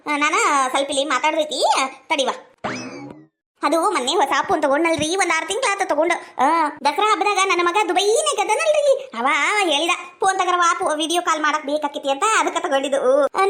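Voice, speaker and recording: A woman speaks in a very high, quick voice with a North Karnataka Kannada accent. She boasts and bickers as she plays village women in a comedy sketch, firing words off briskly. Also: bright, forceful tone. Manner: bragging, quarrelsome, playing several village women.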